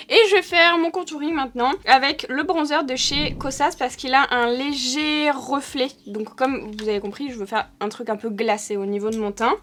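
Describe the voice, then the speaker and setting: A young woman talking through a makeup tutorial in a chatty, thinking-aloud way, with frequent hesitations. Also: on the high side. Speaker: beauty vlogger.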